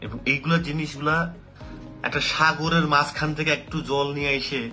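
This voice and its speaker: A man giving an animated talk about learning English, asking rhetorical questions and slipping English phrases into his speech. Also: on the high side, fairly quick, soft background music. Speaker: English teacher. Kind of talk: motivational talk to camera.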